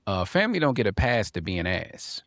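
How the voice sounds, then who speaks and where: A man's voice: fairly low pitch, very animated, brisk, fairly bright tone, no room sound, studio quality. A man co-hosting a casual podcast panel, talking emphatically, repeating lines for punch and reading viewer comments aloud. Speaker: podcast co-host.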